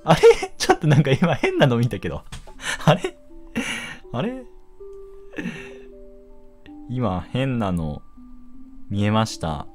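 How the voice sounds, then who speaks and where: A young man giving casual, jokey commentary while playing a game, quick to exclaim and laugh. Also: medium pitch, wildly swooping pitch, faint music behind.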